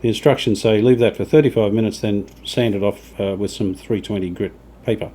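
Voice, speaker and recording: Working in his shop, the host of a hobby radio restoration channel narrates casually in a fairly low, soft-edged, mellow voice, a little fast and with fairly even intonation. He thinks aloud, understated and a bit tentative, over noticeable rubbing and sanding sounds.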